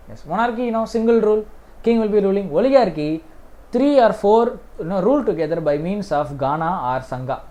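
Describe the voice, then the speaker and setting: With a medium-pitched, darkish voice and an Indian accent, this history teacher lectures on exam preparation. He takes each question step by step, restates key points and frequently tags them with a brief "yes."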